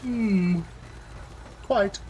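A man's voice: high-pitched, warm tone. Teasing man in noisy game chat. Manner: teasing, quick quips. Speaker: gamer. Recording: game chat with noise behind.

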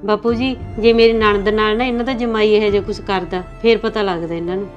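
An actress playing a meek, put-upon young daughter-in-law who speaks softly and resignedly, with faint music behind. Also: female voice, mid-range voice, fairly even intonation, brisk, highs cut off, lightly acted. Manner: soft, resigned. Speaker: actor. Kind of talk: amateur short-film acting.

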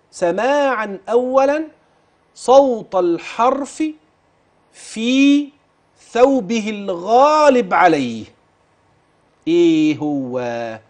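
A man with an Egyptian Arabic accent teaching Quran recitation, asking questions and reciting example words slowly and drawn out. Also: high voice. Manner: patient, questioning and drilling the listener. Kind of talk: tajweed lesson, modelling recitation.

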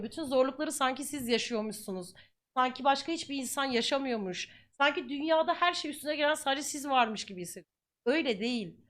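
A woman's voice: high voice, fairly bright tone. A young woman streamer talking earnestly to her viewers, casual and slangy, repeating phrases for emphasis. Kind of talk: live stream chat talk to viewers.

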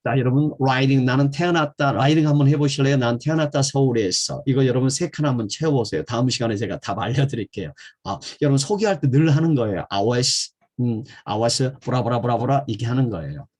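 A man from South Korea teaching an English grammar lesson built around Bible verses. He reads English phrases very slowly and deliberately, and his voice swings from loud stressed English words to soft encouragement. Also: medium pitch.

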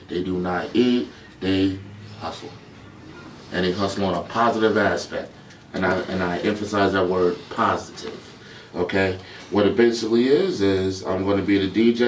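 Low-voiced hype DJ, off mic in an echoey room. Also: male voice, far from the mic. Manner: loose, hype slang, many fillers. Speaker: DJ and event promoter. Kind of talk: casual promo talk to camera. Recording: roomy echo from off mic, faint hum.

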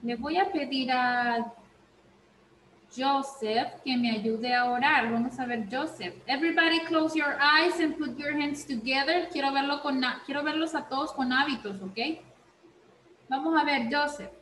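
Slow high-voiced woman teacher. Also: a bit bright, roomy sound, slight background noise, low-quality recording. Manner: slow, repeats "¿ok?" often, switches between Spanish and English. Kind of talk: online class instruction.

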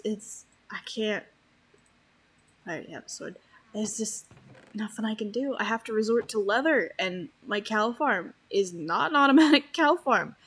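A woman's voice: on the high side, fairly bright tone, breathy edge. A woman giving casual, rambling gameplay commentary, chatty and full of fillers. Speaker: Minecraft let's-player.

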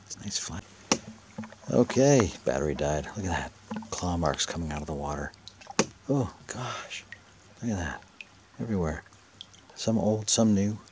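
This lake-monster hunter talks to the camera from his kayak along a rocky shore, his low voice measured and broken by long pauses. Excited, he frequently lowers to a whisper while casually narrating his paddle in first person. Outdoor camera audio catches the water and paddle noise around him.

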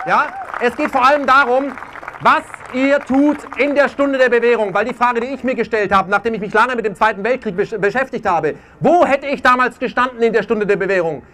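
A man with a very high, brisk voice that sounds pushed and bright gives a fervent protest speech at an outdoor peace demonstration. He's emphatic, leans on the tag "ja?" again and again, and a crowd can be faintly heard.

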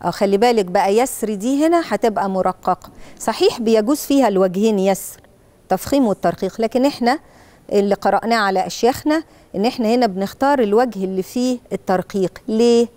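A woman with an Egyptian accent who preaches and teaches Quran recitation to children. She explains each rule step by step and recites verses slowly to model them. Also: mid-range voice, warm tone, no echo. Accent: Egyptian Arabic.

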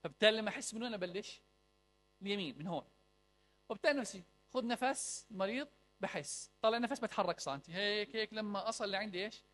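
A man's voice: sits high, fast talker, a bit bright. A young man teaching a clinical medicine class, quizzing students with rhetorical questions and mixing in English medical terms. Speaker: medical lecturer.

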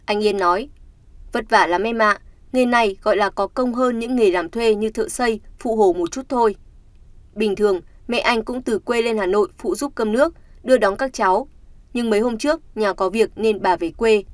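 A woman reads a scripted news report in a steady, somber voice. Her pitch sits in the middle of the range, and the recording is dry and close, with no room sound. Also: moderate pace, dry recording. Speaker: news narrator.

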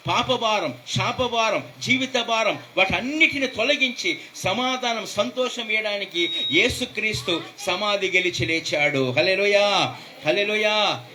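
A man's voice: high-pitched, sharp tone, a little hiss or hum. A man preaching a fervent sermon as pastor, calling out hallelujahs throughout.

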